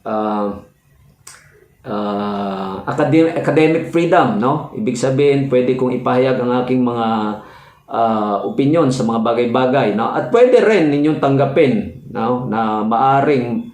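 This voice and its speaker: A man's voice: mid-range voice, a little mellow. Hesitant man teaching, in an echoey room. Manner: explains slowly with frequent "no?" checks and hesitations. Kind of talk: classroom-style legal lecture.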